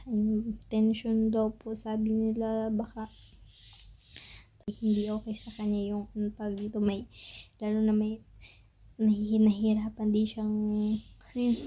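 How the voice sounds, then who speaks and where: Halting, soft-toned Filipina vlogger. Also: female voice, medium pitch, dull audio. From Philippines. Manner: halting, searching for words, tearful at times. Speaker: family vlogger. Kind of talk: emotional story-time monologue. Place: home in Pakistan.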